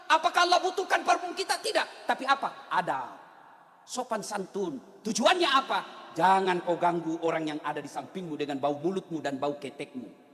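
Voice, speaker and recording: A man preaching a humorous sermon, telling lively stories and repeating rhetorical questions to the crowd. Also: extremely high pitch. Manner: animated storytelling, repeats rhetorical questions, acts out characters. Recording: long hall reverb.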